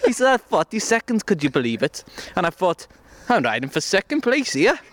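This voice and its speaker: A man's voice: sits high, big pitch swings, moderate pace, fairly bright tone, voice pushed up. A man voicing a cheerful male racing cyclist with a put-on Welsh accent, chatty and lilting. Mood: excited. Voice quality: lilting, chatty, laughs between lines.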